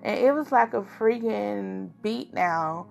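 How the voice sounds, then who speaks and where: A woman's voice: medium pitch, takes it slowly, vocal fry, darkish tone. A young adult woman vlogging, telling her personal story in an earnest, confiding way and addressing her viewers directly.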